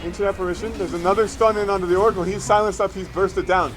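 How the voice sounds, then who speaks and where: A man casting live esports play-by-play, calling a team fight in fast, rising bursts, tired and with his voice a bit worn late at night. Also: sits high, fairly even intonation, slight background noise. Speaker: esports caster. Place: at home, streaming late at night.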